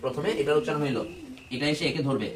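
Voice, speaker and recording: A man's voice: on the high side, fast, a crowd in the background. Strict man teaching a noisy class. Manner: strict, drills pronunciation by repetition. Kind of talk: classroom English lesson. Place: classroom full of children. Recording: roomy classroom from far off. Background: children chattering.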